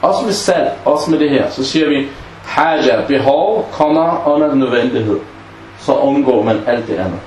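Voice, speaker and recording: A man's voice: mid-range voice, darkish tone. A man teaches a class on Islamic legal maxims, stopping often to put questions to his students and act out small example exchanges. His voice carries in an echoey room. A faint hum of background noise sits behind him. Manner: asks the class questions and acts out example dialogues.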